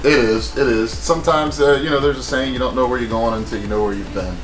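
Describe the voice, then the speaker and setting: A man's voice: mid-range voice, fast talker. A man giving a museum tour in casual chat, rambling, with lots of fillers. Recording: echoey room with music behind.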